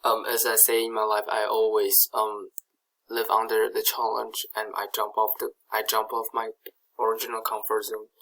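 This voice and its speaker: This student presenter is a young Taiwanese man whose native language is Chinese, and he speaks with a Taiwanese accent. His delivery of the slides is hesitant, with lots of fillers and restarts. His voice is fairly low and completely flat, at normal speed, a bit bright, and the audio is poor.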